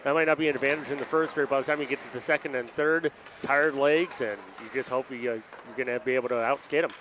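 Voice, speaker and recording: A man gives relaxed color commentary on an amateur hockey game from a rink booth, talking shop like a player and laughing easily. His voice sits at an ordinary middle pitch. Faint background noise hangs under the booth recording. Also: fast. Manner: laid-back, laughs easily, talks like a player.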